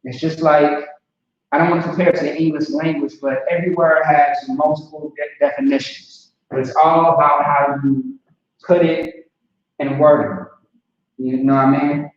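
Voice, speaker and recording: A man with a slightly high, steady voice at normal speed teaches an informal online language lesson. He's casual and repetitive, regularly checking that the learner understands. A distant lo-fi mic captures him in a very echoey room.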